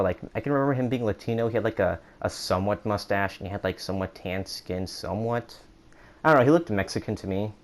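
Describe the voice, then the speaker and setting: A young man rambling through a casual storytime monologue, with many restarts, who acts out quotes in a higher voice. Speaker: vlogger.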